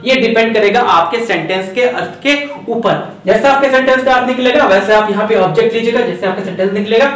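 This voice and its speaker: A man's voice: high-pitched, fast, hardly any pauses, a bit bright, recorded from a distance. Echoey man teaching grammar. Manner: chatty, repeats points, asks and answers himself. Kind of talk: lecture. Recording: echoey room, voice from off the mic.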